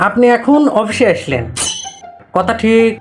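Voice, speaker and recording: Teasing woman boss, raised pitch. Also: big pitch swings, unhurried. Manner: teasing, repeatedly asking questions. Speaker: boss in comic skit. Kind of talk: scripted comedy sketch. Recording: loud background music.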